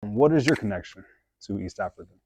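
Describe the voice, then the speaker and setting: A man's voice: fairly low pitch, lively intonation, a little fast, noisy background. A man hosting an interview, asking long, laid-back, rambling questions with fillers. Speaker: host. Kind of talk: casual interview.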